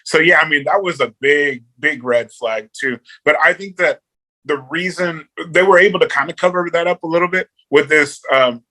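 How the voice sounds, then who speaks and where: A man's voice: a little high, moderate pace, bright, forceful tone, low-quality recording. A man, a guest on a movie review podcast, talking casually and rambling, repeating words and saying "you know" a lot.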